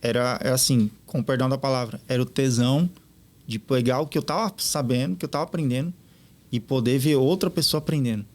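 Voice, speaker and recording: A man, a podcast guest telling stories in an animated way and acting out what others said. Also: medium pitch, quick pace. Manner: animated, quotes others in lively retellings. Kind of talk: casual storytelling interview.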